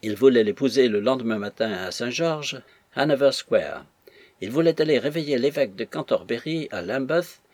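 Husky male audiobook narrator. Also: medium pitch, expressive, normal speed, darkish tone, dry recording. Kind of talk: scripted narration of a classic novel.

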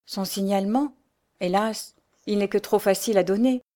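A woman's voice: medium pitch, normal speed, dark tone, close to an everyday voice. A woman voicing an earnest, sorrowful young girl of humble birth, reading an audiobook character with a raised, pleading delivery.

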